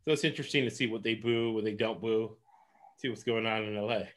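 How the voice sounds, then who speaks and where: La guy rambling thru his betting picks, kinda low voice, laughs a lot. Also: steady tone, fast, a bit bright. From Los Angeles. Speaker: sports betting analyst. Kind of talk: casual sports betting talk.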